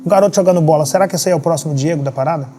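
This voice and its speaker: A man's voice: fairly high pitch, racing, mellow. A man, a podcast guest telling motivational stories in an emphatic way, full of rhetorical questions. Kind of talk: motivational storytelling. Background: faint background music.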